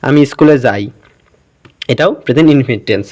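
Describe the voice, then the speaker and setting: A man's voice: medium pitch, fast talker, darkish tone. A man teaching English grammar in a casual classroom style, asking questions and answering them himself. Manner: talkative, asks and answers his own questions. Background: noisy surroundings.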